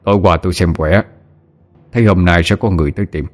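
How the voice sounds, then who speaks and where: A man voicing a grave middle-aged male village spirit medium who speaks slowly with hesitant fillers. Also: deep voice, soft background music, close to an everyday voice.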